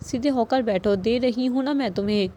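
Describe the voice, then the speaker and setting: A woman reading a gentle sad young woman. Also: fairly high pitch, slight background noise, lightly acted. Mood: quiet. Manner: soft, quiet.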